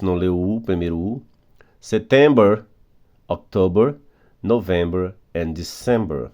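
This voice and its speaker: A Brazilian man teaching an English grammar class to beginners. His voice moves lively up and down as he patiently repeats and spells out words, slowing down so students can follow. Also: mid-range voice, dull audio. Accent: Brazilian Portuguese. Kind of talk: recorded grammar lesson for beginners.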